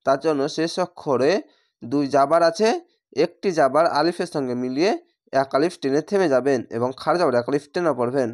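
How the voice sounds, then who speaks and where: Bengali man teaching Quran reading slowly. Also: on the high side, dry recording, clean studio sound. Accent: Bangladeshi Bengali. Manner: slow drawn-out recitation of words between explanations. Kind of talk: spelled-out Quran reading lesson.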